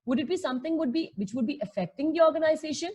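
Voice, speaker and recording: A woman's voice: sits high, lively intonation, very fast, a little mellow. A woman with an Indian accent teaching a lesson in a conversational way, explaining with everyday examples and checking in with questions. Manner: conversational, checks in with rhetorical questions and tag words; mixes Hindi phrases into English.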